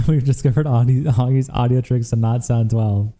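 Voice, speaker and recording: Speaking in a mellow, mid-range voice, a young livestream host chats casually with viewers and reads their comments. He's worn out after days of streaming, swears freely, and reacts to chat with quick asides.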